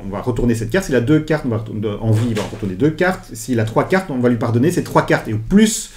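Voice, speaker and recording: A man co-hosting a board game review, explaining the rules in casual chat, animated and often correcting himself mid-sentence. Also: mid-range voice, fast, slight background noise. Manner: animated, self-correcting, finishes his partner's sentences.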